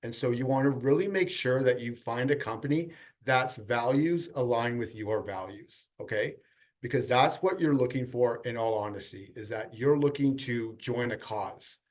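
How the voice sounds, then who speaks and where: A man's voice: mid-range voice, moderate pace. A man with braces slightly impeding his speech gives emphatic advice as an employer on a panel, checking in with listeners as he goes. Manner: emphatic, repeats "okay?" as a check.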